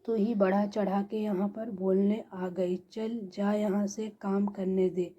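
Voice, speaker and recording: A woman's voice: mid-range voice, little pitch movement, a little slow, warm tone, close to an everyday voice. A woman voicing an older mother-in-law who keeps chiding and questioning, in a dull lo-fi recording.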